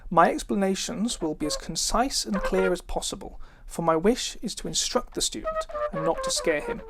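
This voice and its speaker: Reading an old, formal book introduction aloud at a moderate pace, a person with a female-sounding voice sometimes trips over words, their medium pitch swooping wildly. The background is noisy, with a live brass cornet playing over the voice.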